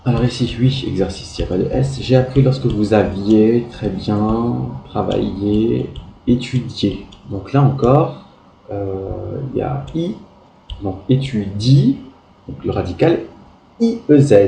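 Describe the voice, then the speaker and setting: A schoolteacher, a man, works through his pupils' exercises, spelling out verb endings letter by letter with patient, gentle praise. His voice is low, very dark and gravelly, and his delivery is slow. He sounds like he is in an echoey room with a faint hum of background noise. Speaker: primary school teacher. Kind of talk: correcting pupils' written exercises aloud.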